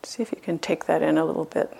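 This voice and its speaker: In a low, creaky voice with fairly even intonation, a woman who teaches meditation guides listeners through a loving-kindness practice. Her manner is gentle and unhurried, with long pauses.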